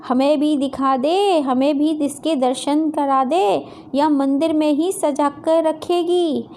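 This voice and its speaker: A woman's voice: high voice, steady tone, takes it slowly, a little hiss or hum. A woman voicing a bossy middle-aged mother-in-law who gives orders and scolds. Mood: taunting. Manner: scolding, commanding, calls out loudly.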